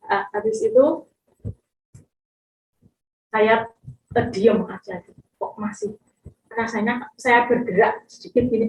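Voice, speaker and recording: A woman's voice: on the high side, echoey room, highs cut off. A middle-aged woman telling a personal testimony with emotion, often addressing listeners directly. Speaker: testimony speaker.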